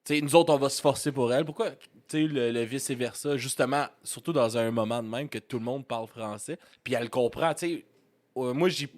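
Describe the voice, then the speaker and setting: Animated Québécois man, dry mic. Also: mid-range voice, dry recording. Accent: Québécois French. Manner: animated, laughing, quick swearing asides. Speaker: podcast host. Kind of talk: casual chat.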